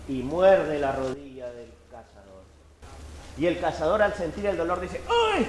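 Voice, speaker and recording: A man, a storyteller telling a fable live to an audience in an animated, expressive way. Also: a little high, normal speed, echoey room, a little hiss or hum, rough recording. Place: event hall at a book fair.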